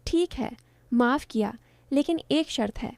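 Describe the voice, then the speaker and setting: A woman's voice: high-pitched, lively intonation, a little mellow, no echo. Woman reading as a bossy young fiancée. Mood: demanding. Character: spoiled, demanding young fiancée.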